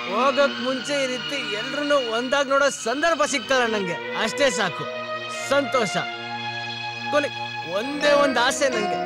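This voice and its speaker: A man's voice: very high voice, moderate pace. An actor dubbing a down-on-his-luck younger brother who is drunk and rambles, repeating himself, in a dubbed film. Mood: drunk, rambling. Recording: loud film score behind. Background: music.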